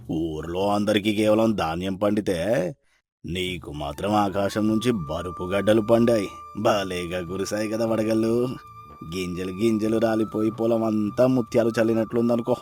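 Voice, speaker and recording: An actor playing a sarcastic, mocking moneylender with a soft heart in a storybook drama. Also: male voice, lowish voice, close to an everyday voice. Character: sarcastic, teasing middle-aged male moneylender, kind underneath. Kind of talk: storybook voice acting.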